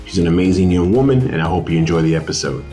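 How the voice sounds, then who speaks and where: A middle-aged man hosting an interview show, his voice sitting fairly low. He talks in an upbeat, enthusiastic way and keeps repeating words of praise. It is relaxed, casual interview chat. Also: racing, faint music behind. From United States. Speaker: podcast host.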